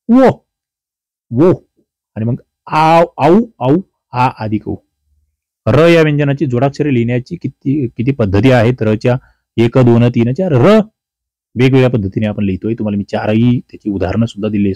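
Fast-talking male teacher, dark dry voice. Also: mid-range voice, dry recording. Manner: fast, chatty and teasing, calls students brother and sister. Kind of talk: exam-prep grammar lesson.

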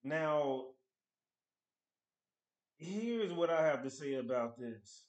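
A man's voice: a little high, expressive, extremely slow. Man chatting stocks in an echoey room. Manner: conversational, reads article excerpts aloud and comments. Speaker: finance channel host. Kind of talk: casual stock analysis talk to camera. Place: small room at home.

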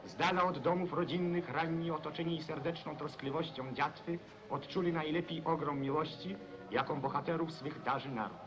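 A man's voice: fairly high pitch, normal speed. A man reading a scripted narration in a formal, declamatory manner, as heard in an old 1940s newsreel. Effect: old 1940s newsreel recording. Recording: dull lo-fi 1940s film sound with loud music.

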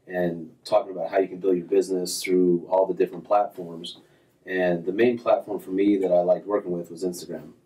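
A man in his thirties with a low-pitched voice and a brisk delivery appears as a guest golf instructor in a small office decorated with framed diplomas. The interview is casual, and he rambles in a relaxed manner with plenty of fillers and restarts. The mic is distant and the recording rough.

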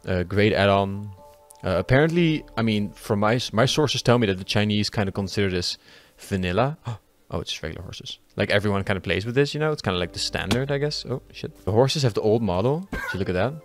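A young man giving excitable let's-play commentary, swearing freely and chatting to his viewers. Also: lowish voice, brisk, soft background music. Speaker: gaming YouTuber.

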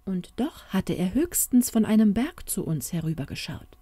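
A woman voicing a wise, gentle fairy queen who soothes her daughter in a motherly way. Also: mid-range voice, very animated, moderate pace, breathy edge, no room sound. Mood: soothing.

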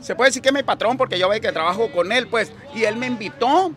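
A man's voice: high-pitched, fast talker, a bit bright, faint music behind. A man with a Sinaloa Mexican accent, chatting jovially and rambling in a casual street interview outdoors, laughing often. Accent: Sinaloa Mexican Spanish.

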